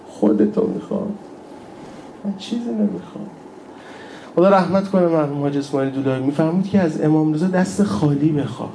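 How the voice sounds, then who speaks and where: A man preaching an emotional religious sermon, telling stories and sometimes dropping to a hushed near-whisper. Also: fairly high pitch, a little hiss or hum, rough recording.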